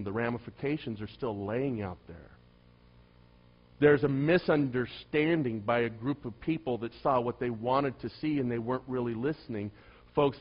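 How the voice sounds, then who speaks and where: Telling a story as part of his sermon, a soft-voiced, middle-aged male pastor moves back and forth between loud emphasis and hushed asides. His voice sits in the mid-range, and the recording is muffled.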